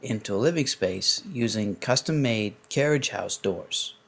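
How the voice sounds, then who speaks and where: Guy doing a calm scripted promo voice-over, kinda low voice, steady and measured. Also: vocal fry. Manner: even, measured promotional delivery. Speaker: narrator.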